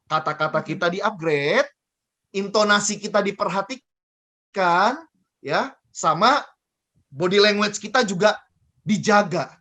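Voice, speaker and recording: A man giving a lively coaching talk on communication, asking and answering his own questions and repeating key phrases. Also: high voice, slow pace, pauses often. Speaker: guest speaker on communication.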